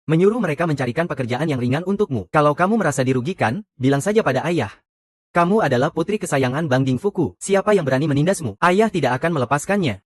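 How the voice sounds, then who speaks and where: A man's voice: a little high, expressive, fast, dry recording. Protective rich father, middle-aged, dubbed drama, indulgent, dry studio sound. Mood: caring, protective. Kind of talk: dubbed modern romance drama.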